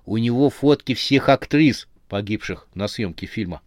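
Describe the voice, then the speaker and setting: A man's voice: fairly low pitch, expressive, normal speed, a little mellow, no echo, studio quality, close to an everyday voice. A man voicing a cheerful, teasing male worker from a monster factory in a horror audiobook. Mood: confiding.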